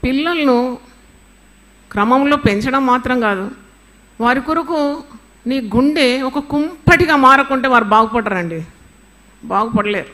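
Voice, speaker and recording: A woman's voice: high-pitched, unhurried, long pauses, fairly bright tone. Older woman preaching an emphatic sermon. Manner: emphatic, storytelling, mixes in English phrases.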